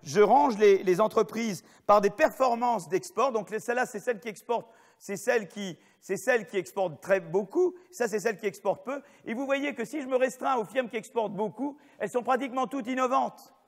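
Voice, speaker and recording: High-voiced man lecturing in a reverberant hall. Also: fairly quick. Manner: digressive, many restarts and asides, checks in with "vous voyez"; jokey, self-mocking asides. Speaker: professor giving a lecture. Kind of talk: spontaneous university lecture.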